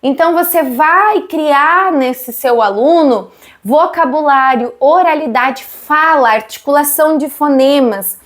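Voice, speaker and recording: A woman's voice: high voice, measured pace. A woman in her thirties with a Brazilian Portuguese accent, explaining literacy teaching and asking her viewers questions. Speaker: literacy educator.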